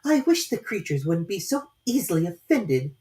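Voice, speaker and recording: A polite little storybook girl, voiced by a woman, earnest and a bit timid. The voice sits high and lilts widely, sounding plaintive and hesitant. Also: sing-song, normal speed, mellow. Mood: piteous, pleading.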